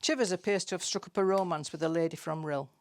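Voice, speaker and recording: A British woman with a lowish voice reads, at a quick pace, a scripted comic monologue from her own tales. Her manner is dry, chatty and confiding, much like gossip.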